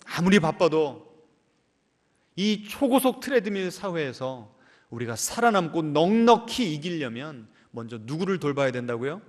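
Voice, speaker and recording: A male pastor preaching a sermon, questioning his congregation and swinging between emphatic raised lines and soft low endings. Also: sing-song, a little slow. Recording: church hall with long reverb.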